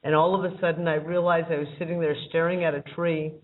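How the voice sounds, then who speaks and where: A woman's voice: sits low, flat delivery, fast talker. A woman calling in to a casual chat show and telling a rambling story with frequent chuckles. Her voice comes through a thin line that sounds like it is in a tunnel. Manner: rambling, chuckling as she talks. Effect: thin phone-line audio that sounds like a tunnel. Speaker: regular panelist calling in. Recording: distant tinny call-in line.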